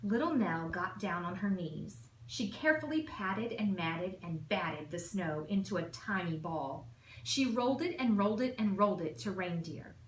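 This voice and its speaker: With a mid-range voice, lively intonation and a moderate pace, a woman who is an assistant principal narrates a children's story. She reads emphatically and rhythmically, and the room is echoey with faint background noise.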